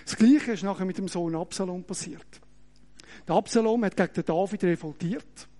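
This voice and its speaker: A middle-aged man with a Swiss German accent preaching an animated, joking sermon that pulls the audience in, often tagging his sentences with "oder?". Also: high-pitched, normal speed. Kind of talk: lively sermon with audience demonstration.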